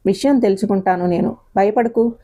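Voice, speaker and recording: A woman voicing a proud, domineering middle-aged mother in an audio story, with a warm tone. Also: mid-range voice, a little fast, highs cut off, natural voice. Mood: reassuring. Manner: commanding, domineering.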